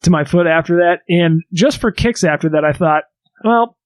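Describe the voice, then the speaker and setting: A man's voice: fairly high pitch, a little fast, dry recording. A man co-hosting a casual sauce-tasting podcast, who swears freely and laughs often. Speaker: podcast co-host.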